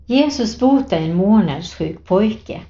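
A woman's voice: medium pitch, animated, mellow. A woman giving an earnest devotional talk, reading Bible passages and telling a personal story in a plain way. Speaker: lay preacher. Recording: dull lo-fi recording.

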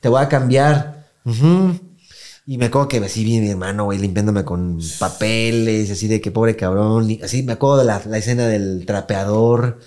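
A man's voice: fairly low pitch, normal speed, dark tone. A young man with a Mexican Spanish accent, casually telling a story on a podcast in heavy slang and acting out the voices of people in it. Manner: slangy, acts out quoted voices, laughs often. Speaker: podcast co-host.

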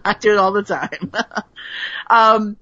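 A woman's voice: mid-range voice, slow pace, no room sound. A woman hosting a podcast, recapping an episode in a casual chat and laughing often as she tells it. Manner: laughs often, animated storytelling. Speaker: podcast host. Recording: slightly muffled dry recording.

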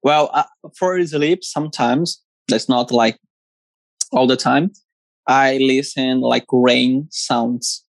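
A co-host in a casual chat who speaks broken English, halting and searching for words, on an earphone mic. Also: mid-range voice, steady tone, no echo. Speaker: podcast co-host. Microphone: earphone microphone.

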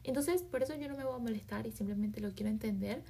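A woman hosting a self-help podcast, talking emphatically with many rhetorical questions and slangy asides, often dropping into soft half-whispers. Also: on the high side, fast talker. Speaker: podcast host. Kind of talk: motivational self-help monologue.

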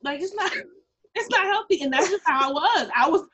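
A young woman co-hosting a podcast in casual chat, animated and laughing, often jumping into high-pitched impressions. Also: normal speed. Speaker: podcast co-host. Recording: muffled lo-fi audio.

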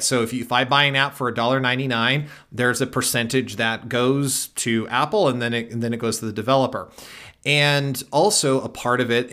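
A man's voice: mid-range voice, bright, forceful tone. A man co-hosting a casual tech podcast, explaining things at length with many restarts and fillers. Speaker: podcast co-host.

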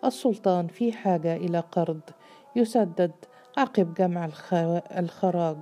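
A woman voicing a scheming male governor in a storybook, teasing and smooth. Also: on the low side, moderate pace, mellow, lo-fi sound, soft background music, lightly acted. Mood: coaxing.

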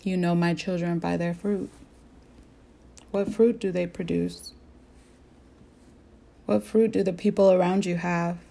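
On her faith-based podcast, a young host from the American Southwest earnestly tells a story and addresses her listeners with direct questions in a reflective talk. Her lowish voice is gravelly and mellow, with little pitch movement, a measured pace and long pauses.

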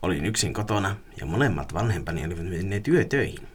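A giggly man with lively pitch. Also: breathy edge. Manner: giggly, breaks into laughter while reading. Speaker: podcast co-host. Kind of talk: casual podcast chat and listener story reading.

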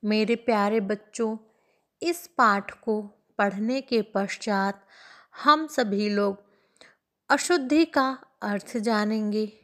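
A woman teaching a grammar lesson to young pupils, speaking slowly and deliberately and addressing the children fondly. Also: medium pitch. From India. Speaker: Hindi teacher.

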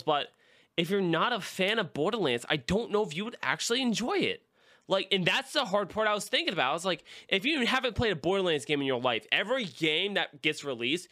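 A podcast co-host with a bright, forward tone talks loosely and at length. He rambles, restarts and leans on fillers while sharing opinions in a casual chat. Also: a little high.

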